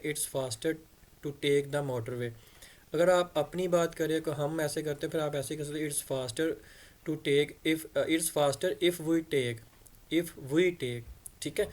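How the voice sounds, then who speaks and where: A man's voice: a little high, a little mellow. A man teaching English patiently, repeating phrases and spelling words out letter by letter. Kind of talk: explaining English in Hindi-Urdu.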